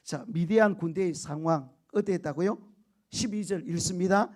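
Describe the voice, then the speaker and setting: A male pastor preaching a lively sermon, often asking the congregation questions and acting out the quotes he tells. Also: sits high, normal speed. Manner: animated storytelling with shouted quotes and laughter; keeps prompting the congregation for answers.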